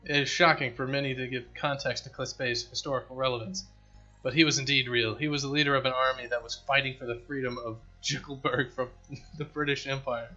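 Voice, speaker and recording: Wise cyber dwarf explaining stuff read by a guy, bright voice, quiet music underneath. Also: medium pitch, steady tone, brisk, highs cut off. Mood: calm. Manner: formal, explaining. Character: wise, formal male cyborg dwarf companion. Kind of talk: reading game dialogue aloud.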